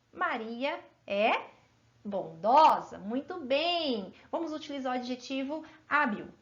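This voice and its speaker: Woman teacher, high voice, encouraging classroom delivery, dull lo-fi sound. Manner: encouraging, asks pupils frequent check-in questions; stretches out example words slowly. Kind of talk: grammar lesson for children.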